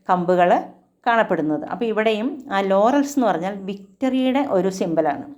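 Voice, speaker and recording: A woman with a Malayali accent teaching an English poem. She reads the lines slowly and then explains them in quick, chatty bursts, asking herself questions. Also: fairly high pitch, darkish tone. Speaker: literature teacher.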